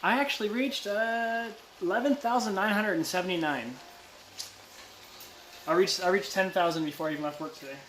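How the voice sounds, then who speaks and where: A man's voice: sits high, fairly quick, fairly bright tone. A man chatting casually on a cooking livestream in a playful, teasing manner with bursts of silliness. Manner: playful teasing, bursts of silly sing-song. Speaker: live streamer cooking. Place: indoor kitchen. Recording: echoey room, background noise of cooking.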